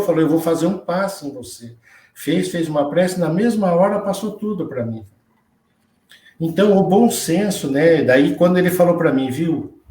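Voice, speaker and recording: A man's voice: a little high, mellow. A man, telling his personal story in earnest as an interview guest, often quoting what others said to him. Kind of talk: personal testimony in a live interview. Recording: roomy echo, distant from the mic.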